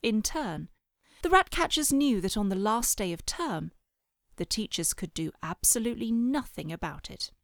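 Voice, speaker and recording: A woman narrating a children's audiobook in a measured storytelling manner with lively phrasing. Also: mid-range voice, dry recording, studio quality. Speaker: audiobook reader. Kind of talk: scripted narration.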